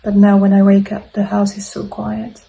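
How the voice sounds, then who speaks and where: An actress playing a grieving mother who makes a halting confession in a dramatic monologue. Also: mid-range voice, monotone, vocal fry, warm tone, poor audio. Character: grieving mother haunted by her lost child. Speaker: actor in a showreel scene.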